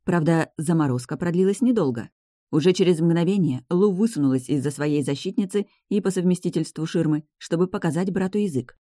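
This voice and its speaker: A woman narrating a storybook chapter aloud, with expressive storytelling. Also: fairly low pitch, brisk, no room sound, studio quality. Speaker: audiobook narrator. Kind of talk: scripted narration.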